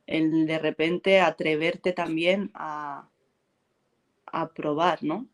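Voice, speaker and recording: A woman's voice: sits low, extremely slow. A woman, an actress from Spain, chats easily in an interview. She tells her stories with lots of life, acting out quoted lines and often breaking into laughter. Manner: animated storyteller, acts out quotes and laughs a lot. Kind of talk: casual interview chat.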